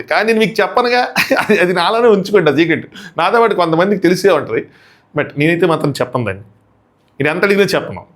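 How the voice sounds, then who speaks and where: A man chatting casually through a review of a reality show episode, animated and acting out contestants' lines. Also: a little high. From India.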